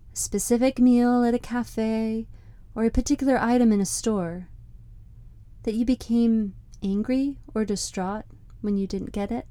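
A woman podcast host reading a scripted reflective monologue in a measured, deliberate, contemplative way. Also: a little high, dark tone, dry recording. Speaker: podcast host and meditation guide.

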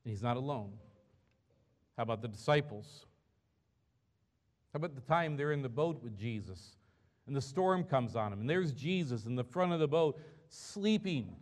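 A man's voice: mid-range voice, animated, moderate pace, pauses often. A man pastor preaching a sermon in a church, earnest and conversational, asking the congregation rhetorical questions.

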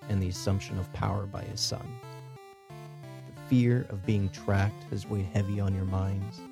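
A man narrating a tabletop game as game master, in steady, descriptive narration. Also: on the low side, vocal fry.

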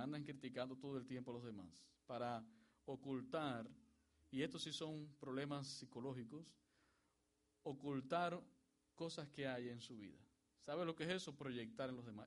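A man preaching a sermon to his congregation. He asks the congregation to repeat words after him and lifts his voice when he quotes scripture. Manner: rises in pitch and volume when quoting scripture. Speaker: pastor.

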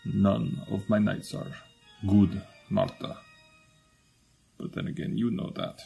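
A man playing a melancholy, courteous immortal gentleman in a radio comedy drama, halting and formal, with a gravelly, breathy voice. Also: on the low side, level tone, soft background music, heavily acted. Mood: melancholy, rueful. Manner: halting, formal, theatrically drawn-out.

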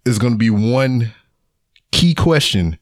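A middle-aged man on a podcast, telling a story in casual chat, profane and animated, acting out what people said. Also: medium pitch, slow pace, no room sound, studio quality. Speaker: podcast co-host. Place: home podcast studio.

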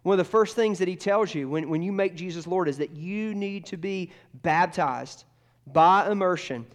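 Earnest higher-voiced male pastor preaching. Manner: earnest, repeats phrases, drops to soft tones in prayer. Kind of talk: sermon.

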